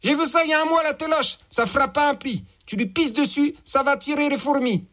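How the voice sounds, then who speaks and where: A man's voice: extremely high pitch, a little fast, a bit bright, voice pushed up. A man voicing a crude, bossy gang boss who gloats over his orders. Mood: gloating. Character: coarse foul-mouthed male gang boss.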